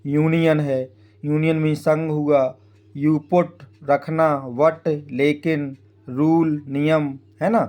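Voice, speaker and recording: A man with a fairly high, slightly mellow voice speaks slowly in a level tone. He teaches English phonics in Hindi, spelling words letter by letter and frequently checking with the viewer using the tag "है ना."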